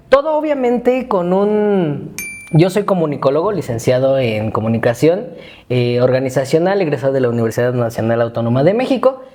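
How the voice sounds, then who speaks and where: A man in his thirties with a Mexican accent co-hosts a podcast, chatting and joking casually and reading out an essay he wrote. His voice is fairly high and warm, with a little hiss or hum in the recording.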